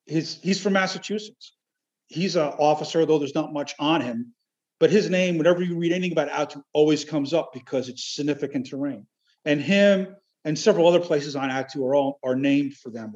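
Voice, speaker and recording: A man talking casually in an interview, halting and rambling but enthusiastic. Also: fairly high pitch, a little mellow. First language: Chiac French. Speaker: amateur military history researcher, podcast guest. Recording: dull, lo-fi audio.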